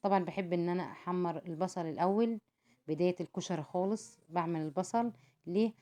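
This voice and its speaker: A woman's voice: fairly low pitch, fast talker. A woman with an Egyptian Arabic accent, narrating a home cooking vlog in a chatty way. She explains each step, calls her viewers "my dears" and adds prayers for them. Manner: warm and devout, calls viewers "my dears", prays for them often.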